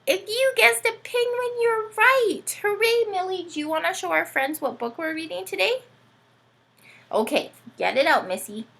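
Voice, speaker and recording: With an extremely high-pitched, creaky voice at a moderate pace, this woman runs a lively children's storytime, reading aloud with a puppet sidekick. She chats playfully with the young audience and asks them frequent questions.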